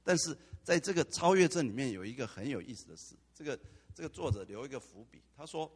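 Husky preaching man in echoey hall. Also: medium pitch, fast talker. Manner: animated preaching with dramatic asides. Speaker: pastor. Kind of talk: sermon. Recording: long hall reverb.

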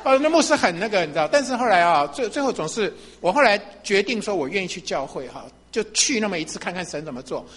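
一位中年男牧师在讲道中分享自己的见证，语气随意，常常笑，口头语很多。. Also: male voice, sits high, expressive, quick pace, hardly any pauses, a bit bright, breathy edge. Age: middle-aged. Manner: chatty, laughs often, frequent fillers. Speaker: pastor. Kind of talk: sermon testimony.

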